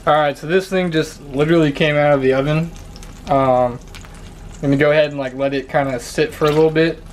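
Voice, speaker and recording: A young man talking a viewer through cooking at home, relaxed, with lots of fillers, on a camera mic at a distance. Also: a little high, brisk, slight background noise. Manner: relaxed, talking while working, many fillers. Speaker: vlogger. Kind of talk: casual cooking narration. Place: home kitchen, indoors.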